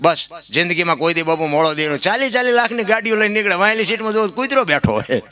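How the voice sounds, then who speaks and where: A man giving a folk discourse to a live audience, rustic and preachy, swinging between loud outbursts and soft asides. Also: high-pitched, expressive, quick pace. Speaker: folk storyteller and speaker.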